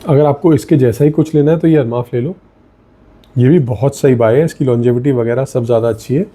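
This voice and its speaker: This is a casual perfume review vlog by a young man with an Indian accent and a mellow, medium-pitched voice. He talks briskly, mixing Hindi and English as he thinks aloud and sniffs each scent.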